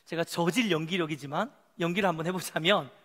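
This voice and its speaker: A man's voice: a little high, fast, a bit bright. A male pastor preaching to a youth congregation, telling a story with animation, acting out scenes and putting questions to his listeners. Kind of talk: sermon to a youth service. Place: church sanctuary. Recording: long reverb of a church hall.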